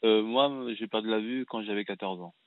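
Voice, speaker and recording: A man in his thirties, originally from Cameroon, calling in to a radio show and telling his story in an earnest, halting way with frequent restarts. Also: lowish voice, fairly even intonation, dry recording. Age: 30s. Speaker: caller. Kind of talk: phone-in personal testimony. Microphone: telephone. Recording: tinny phone line.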